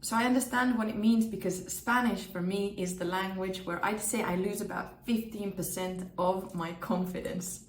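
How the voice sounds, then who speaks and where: A Finnish presenter and communication trainer, whose first language is Finnish, gives a direct-to-camera tips video in an echoey room, with a little hiss or hum in the audio. Her mid-range voice is upbeat, with fairly even intonation, a moderate pace, and few pauses, and she repeats things for emphasis.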